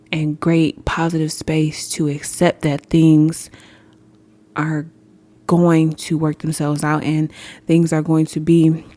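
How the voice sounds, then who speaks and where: A woman's voice: deep voice, mellow. A young adult woman hosting a podcast in casual chat, candid and swearing freely, laughing often and talking straight to listeners. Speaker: podcast host.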